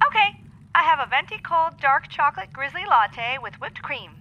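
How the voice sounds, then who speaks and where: A woman's voice: sits high, animated, normal speed, dull audio. A woman playing a snippy barista over a drive-thru speaker. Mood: curt. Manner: snippy and condescending. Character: curt, impatient young female coffee barista.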